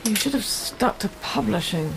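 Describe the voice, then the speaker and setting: An actress playing a resentful wife in a spy drama, needling and sarcastic in manner. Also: female voice, medium pitch, lively intonation, moderate pace, creaky, background noise. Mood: bitter, needling. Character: resentful, sardonic wife of a secretive intelligence man. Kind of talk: naturalistic spy drama dialogue.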